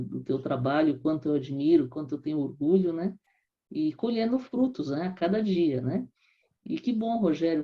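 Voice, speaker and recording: A woman professor taking part in an online webinar, praising colleagues with frequent tag questions. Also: sits low. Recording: dull lo-fi video call audio.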